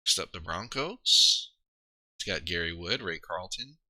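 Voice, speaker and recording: Rambling man streaming, bright dry voice. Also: low-pitched, animated, unhurried, no echo. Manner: rambling, self-deprecating, trails off and restarts. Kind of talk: casual live-stream commentary.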